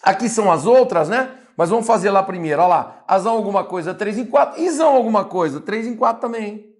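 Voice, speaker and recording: A man teaching biology, solving an exam question step by step in a lively, repetitive way with a Brazilian Portuguese accent. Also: high-pitched, fast. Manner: lively, talks through steps, repeats "olha lá".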